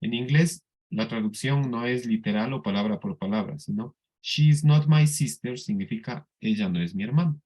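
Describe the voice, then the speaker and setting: A man teaching an English class in Spanish with a Colombian accent, explaining slowly and patiently and often checking that the students follow. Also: medium pitch, darkish tone. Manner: slow, patient explaining with frequent checks for understanding. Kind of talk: classroom lesson.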